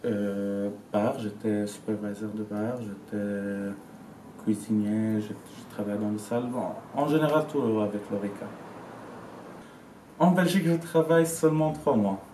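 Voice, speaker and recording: A Syrian man in his twenties speaks French, a language he learned, as an interviewee giving casual testimony; he searches for words but talks with conviction. His voice is lowish and dark, at a measured pace, captured by a distant mic in a roomy space with faint noise.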